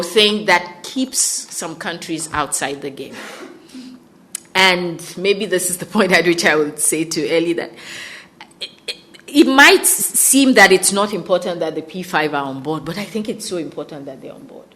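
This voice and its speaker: A woman's voice: fairly low pitch, a bit bright. Earnest West African woman panelist. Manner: earnest, emphatic, with many restarts. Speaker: conference panelist. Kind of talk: panel discussion remarks. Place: conference hall.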